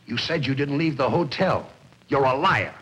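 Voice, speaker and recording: A man's voice: mid-range voice, moderate pace, a bit bright, breathy edge, poor audio. An actor playing a domineering middle-aged husband and father who talks harshly in a 1950s television drama. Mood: angry.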